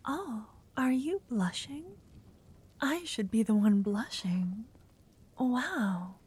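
A woman's voice: on the high side, lively intonation, slow pace, slightly rough, full character voice. A woman voicing a shy, nervous young noblewoman in a whispered roleplay, stammering now and then. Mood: nervous whispering. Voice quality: soft whisper. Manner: hesitant, stammering.

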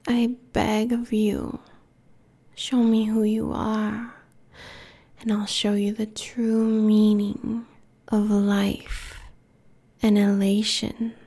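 A woman voicing a cruel, domineering immortal queen in a hushed, breathy whisper, slow and menacing. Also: mid-range voice, flat delivery, heavily acted. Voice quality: breathy whisper with gravelly fry. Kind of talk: whispered audio roleplay.

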